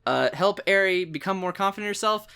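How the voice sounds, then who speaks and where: Excitable bright-voiced man. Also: high-pitched, fast, creaky, clean tone. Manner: excitable, laughs often, acts out quotes. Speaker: podcast guest. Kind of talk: casual chat.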